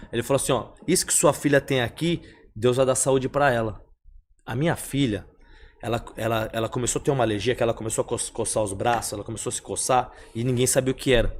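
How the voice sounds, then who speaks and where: A young man, talking as a podcast guest. He tells his story casually, repeating himself and acting out every exchange. His voice sits at a middle pitch. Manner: animated, repeats phrases, acts out the dialogue.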